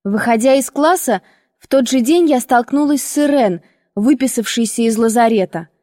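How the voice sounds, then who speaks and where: Woman narrating an audiobook, fairly high voice. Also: no echo, clean studio sound, big-room sound. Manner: measured, expressive storytelling. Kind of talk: first-person audiobook narration.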